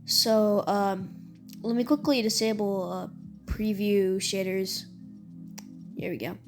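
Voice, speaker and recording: Slowly and with a steady tone, a woman at a medium pitch talks through a game walkthrough. She creates videos and game levels, keeps her language informal and gamer-slangy, and has music underneath.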